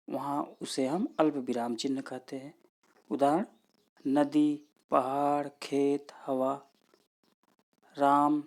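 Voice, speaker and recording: A man's voice: fairly high pitch, darkish tone. A man, a lecturer at a teacher training institute, giving a grammar lesson and explaining each point step by step while repeating his examples.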